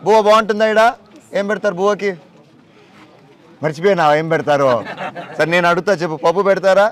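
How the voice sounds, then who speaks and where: A man, a politician touring a village outdoors, talking casually with villagers and children in a brisk, commanding, playful way. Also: high voice, a bit bright.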